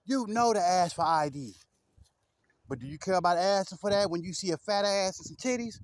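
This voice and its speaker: A man rants loosely to his camera, blunt and full of profanity. His voice sits somewhat high, and the sound is close and dry, with no room echo. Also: brisk. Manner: blunt, profane, rambling street talk with repeated asides. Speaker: vlogger. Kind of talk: casual rant to camera.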